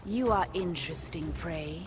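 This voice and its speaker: A woman's voice: lowish voice, unhurried, noisy background, lightly acted. A woman voicing a proud, vengeful cheetah huntress in a video game, speaking in haughty, theatrical threats. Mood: menacing. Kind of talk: video game character dialogue. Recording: loud music behind the voice.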